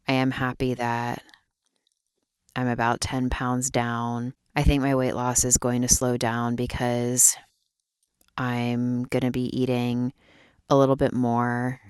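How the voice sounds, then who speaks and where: A young woman talking quietly in a personal vlog, keeping her voice down at night as if someone is asleep nearby. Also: a bass voice, monotone, slow, smooth, dry recording, clean studio sound. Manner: quiet, hushed night-time talk so as not to wake a sleeper. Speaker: vlogger. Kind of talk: personal vlog talk to camera. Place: closet, small indoor space.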